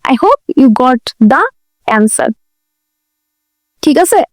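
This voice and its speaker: High-voiced woman lecturing. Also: sing-song, very slow, dry recording, clean studio sound. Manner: repeats key points, asks rhetorical questions, mixes in English. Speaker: dental lecturer.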